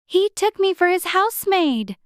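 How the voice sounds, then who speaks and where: A woman's voice: extremely high pitch, sing-song, normal speed, dry recording, studio quality, pitched above the performer's own voice. A woman voicing a polite, eager little girl in a dramatized audiobook reading. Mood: flustered. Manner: humble, eager, pleading.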